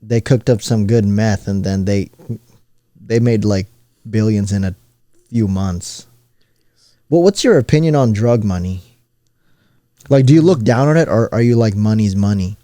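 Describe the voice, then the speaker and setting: A young man with a lowish, mellow voice co-hosts a podcast, lobbing jokes and rambling questions. The sound is dry and close, with no room around it. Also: unhurried, long pauses, no room sound. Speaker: podcast co-host. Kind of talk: casual chat.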